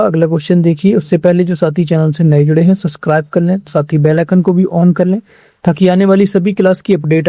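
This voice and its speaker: A man teaching an online exam-prep class in a drilling, repetitive way, pressing viewers to answer fast. His voice is dark and mellow yet sits a little high. The sound is close and dry. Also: no room sound. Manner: repeats each question and answer as a drill, urging viewers to respond quickly.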